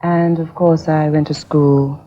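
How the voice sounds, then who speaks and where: A woman's voice: low-pitched, flat delivery, unhurried, warm tone. A woman from Jamaica, a singer, telling her story in a chatty, self-mocking way with fillers. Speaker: singer, interview guest. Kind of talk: casual interview storytelling. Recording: dull lo-fi 1980s TV tape.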